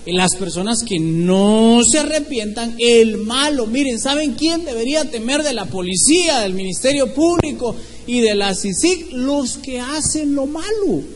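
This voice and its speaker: A man's voice: extremely high pitch, lively intonation, a little slow. A man preaching an informal sermon in a church hall. He keeps putting questions to the congregation and often restarts his sentences. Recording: echoey hall with faint background noise.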